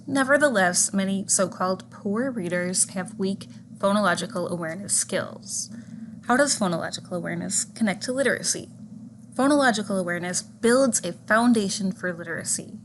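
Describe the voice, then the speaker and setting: Measured woman narrating a lesson. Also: mid-range voice. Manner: measured, clear, slows for examples and sounds. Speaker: teacher educator. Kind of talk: scripted lecture narration. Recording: audible background noise.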